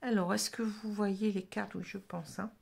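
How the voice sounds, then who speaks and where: A woman giving a casual tarot reading, talking in halting phrases with many fillers and restarts. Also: medium pitch, steady tone, gravelly, breathy edge. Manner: halting, full of "hein" and "vous voyez", restarts. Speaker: tarot reader.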